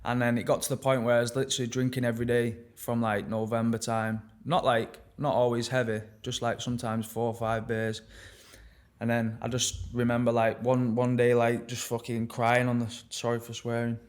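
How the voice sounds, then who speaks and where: A young man talking openly and reflectively as a podcast guest, halting often and swearing casually. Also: mid-range voice, completely flat delivery. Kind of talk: candid personal conversation.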